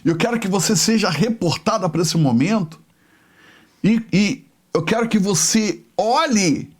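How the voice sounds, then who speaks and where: A man's voice: high voice, breathy edge. A man, a bishop, preaching a sermon as a dramatic, emotional retelling of a story. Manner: emotional, slow, dwelling on each phrase.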